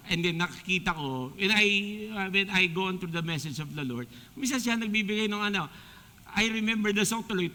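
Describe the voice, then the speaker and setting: A man with a Filipino accent preaching a sermon as a deacon, joking and animated, slipping English phrases into his talk. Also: high voice. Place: church hall. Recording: long church hall reverb.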